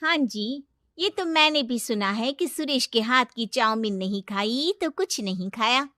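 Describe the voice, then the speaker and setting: A woman voicing the moneylender's scheming wife in a cartoon story, fawning and quick to agree with her husband. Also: a little high, expressive, sharp tone, no room sound, studio quality. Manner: fawning, chiming in.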